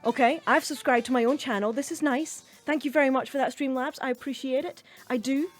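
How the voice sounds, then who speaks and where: A woman's voice: sits high, fairly even intonation, fairly quick, soft background music. A woman hosting a cabaret livestream in casual chat, effusively thanking viewers and calling them darling and sweetheart. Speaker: cabaret host.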